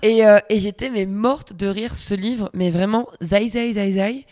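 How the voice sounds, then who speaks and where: A woman comics author talking on a podcast in a chatty, playful way, cracking jokes and throwing in asides. Her pitch sits in the middle of the range. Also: measured pace. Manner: lively and joking, chatty asides. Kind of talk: podcast interview.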